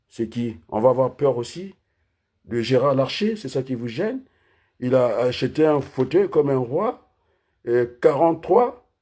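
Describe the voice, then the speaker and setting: A man delivering an impassioned political rant, firing off rhetorical questions and repeatedly raising his voice almost to a shout. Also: mid-range voice, slightly rough. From Republic of the Congo. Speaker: political commentator.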